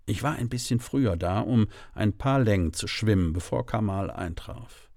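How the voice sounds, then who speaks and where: A middle-aged man calmly narrating a first-person audiobook story in a measured way. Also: on the low side, no room sound, clean studio sound.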